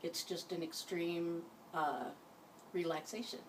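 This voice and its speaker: A woman leading an informal guided hypnosis session, giving gentle instructions in a halting way. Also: fairly low pitch, flat delivery. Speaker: hypnosis practitioner. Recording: distant mic, faint background noise.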